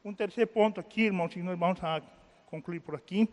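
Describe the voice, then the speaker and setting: A man with a Brazilian Portuguese accent preaching a sermon as pastor, earnest, swelling and then dropping to soft pleading. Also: high voice, quick pace. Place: church hall. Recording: long church hall reverb.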